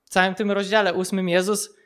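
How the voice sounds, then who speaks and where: Man explaining scripture, slightly high voice. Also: flat delivery, brisk, clean tone. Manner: explanatory, frequent checking tags and soft laughs. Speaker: Bible teacher. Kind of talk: informal Bible teaching.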